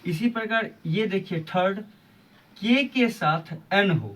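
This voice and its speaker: A man's voice: sits high, slow, fairly bright tone, recorded from a distance. A man teaching English pronunciation rules on his video channel, patiently repeating each example and asking rhetorical questions. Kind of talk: explaining a lesson on his channel.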